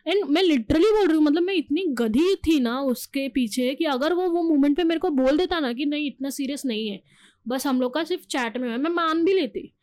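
A woman's voice: high-pitched, normal speed, darkish tone. A young woman, a podcast guest telling a personal story with emotion and acting out what others said. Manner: emotional, mixes English into Hindi, acts out quotes.

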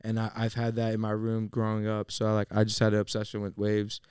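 A man's voice: on the low side, monotone, fast, darkish tone, smooth, dry recording, clean studio sound. A man guesting on a podcast, chatting casually and rambling with lots of fillers. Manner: laid-back, rambling with many fillers.

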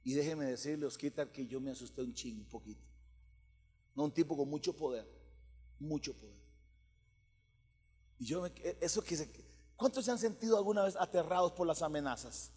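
A high-pitched man preaching to his congregation, his voice ringing out through a church hall with a long, lingering reverb. He swings from loud, urgent declarations down to soft, hushed asides. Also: fairly quick, long pauses, breathy edge. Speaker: pastor. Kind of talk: sermon. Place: church auditorium.

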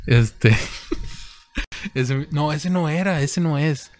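A man's voice: on the high side, very slow. A man in his thirties with a Mexican accent, chatting casually and laughing as he tells stories and acts out what people said. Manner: laughing anecdote-telling, acting out quotes. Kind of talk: casual podcast chat.

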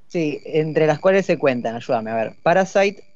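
With a fairly high but darkish voice, an animated Argentine man hosts a laid-back podcast at normal speed, joking and leaning heavily on filler sounds. Dull, dry lo-fi audio carries a faint music bed.

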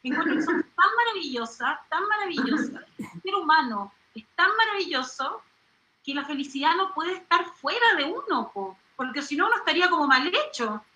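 A middle-aged Chilean woman in a studio interview, animated, exclaiming and acting out little voices as she talks. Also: high voice, moderate pace, echoey room, a little hiss or hum, rough recording. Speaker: singer and comedian guest.

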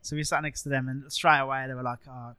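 A man's voice: medium pitch, level tone, a crowd in the background. A man hosting a casual food chat in an easygoing, agreeable way. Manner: easygoing, quick to laugh and agree. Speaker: podcast host, food blogger.

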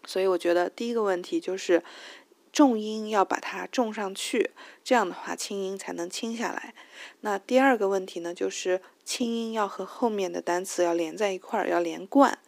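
Chinese-accented woman with a gravelly voice. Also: medium pitch, moderate pace, dry recording. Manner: thinks aloud with many fillers and restarts; sings out stressed syllables to demonstrate rhythm. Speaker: host of language tips show. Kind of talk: casual spoken English lesson.

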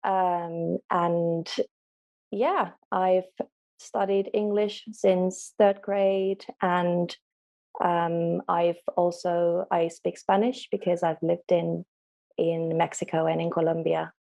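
A woman's voice: lowish voice, level tone, slow, creaky, mellow. A young woman from Finland, a native Finnish speaker, answering as an interview guest over a remote call, hesitant with many ums. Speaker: guest, law student. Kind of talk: casual interview.

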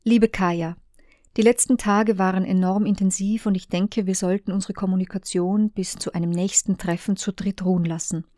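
A woman reading the messages of a conflicted woman, in a hushed, partly whispered delivery. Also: mid-range voice, steady tone, normal speed, no room sound, clean studio sound, close to an everyday voice. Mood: tense. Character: Ines, a torn woman, former lover.

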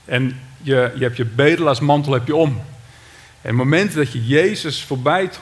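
A man's voice: medium pitch, moderate pace. Dutch man preaching a sermon. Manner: dramatic, shouts out the beggar's cry. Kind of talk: sermon with Bible reading.

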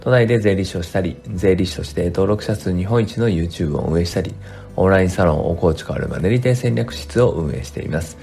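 Recording a solo podcast at home on a studio mic, this tax accountant chats and rambles, filling his speech with fillers while faint music plays. His low, warm voice is brisk with vocal fry, though dry and strained from the morning.

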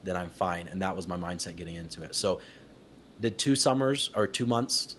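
Low-voiced man telling stories animatedly. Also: moderate pace, a little hiss or hum. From Utah. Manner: animated, laughs often, acts out quotes. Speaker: guest, company founder. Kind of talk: casual interview storytelling.

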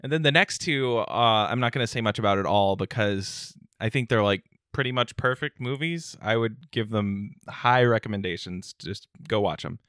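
A man's voice: fairly low pitch, moderate pace, hardly any pauses, fairly bright tone, no room sound, studio quality. A young man co-hosting a casual podcast chat, laid-back and laughing often as he runs through a ranked list. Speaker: podcast co-host.

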